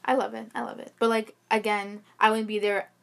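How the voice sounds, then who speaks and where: A woman's voice: mid-range voice, little pitch movement, brisk, vocal fry. A young woman chatting casually, rambling with lots of fillers and restarts as she co-hosts. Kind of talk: casual chat.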